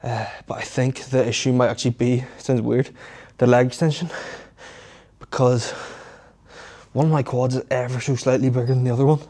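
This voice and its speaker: Young guy chatting casually between lifting sets, pretty monotone, matter of fact. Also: mid-range voice, moderate pace. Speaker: fitness vlogger. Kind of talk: casual training commentary.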